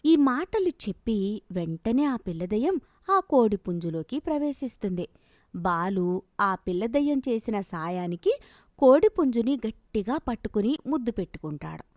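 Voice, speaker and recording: A woman narrating a storybook cartoon in a calm, steady storytelling manner. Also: on the high side, moderate pace, no echo, studio quality.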